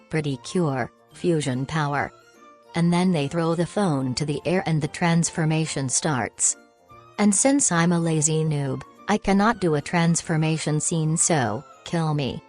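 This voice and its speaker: A woman's voice: deep voice, a little mellow. A woman narrating a fan explainer video in a casual, offhand, self-deprecating way, speaking into a home microphone.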